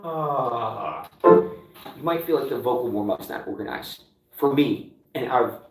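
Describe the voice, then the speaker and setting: A man as a vocal coach, talking himself through a live warm-up and explaining each step as he goes. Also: mid-range voice, lively intonation, moderate pace. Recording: roomy, distant mic with loud piano. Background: piano playing.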